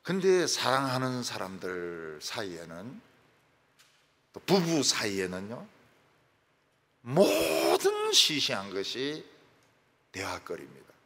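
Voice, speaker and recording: A man is preaching a lively sermon, his husky voice sitting a little high and rising and falling freely. He jokes and acts out little scenes. The sound carries a long reverb from the church hall. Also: slow pace, long pauses. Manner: animated, joking, acts out quoted phone calls and prayers. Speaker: pastor. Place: church sanctuary.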